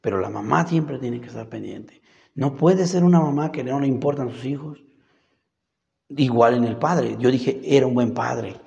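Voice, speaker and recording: A man's voice: normal speed, creaky, warm tone. A man preaching a sermon, questioning the congregation, reading scripture and acting out quoted dialogue. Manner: asks the congregation questions and reads scripture aloud; acts out quoted dialogue in higher voices. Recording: reverberant hall, dull lo-fi sound.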